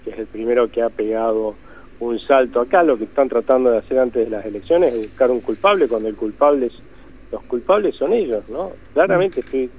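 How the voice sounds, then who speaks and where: A brisk man with a medium-pitched voice and a breathy edge is interviewed as an economist. He's Argentine, explains emphatically, and often rephrases, heard over a tinny phone line.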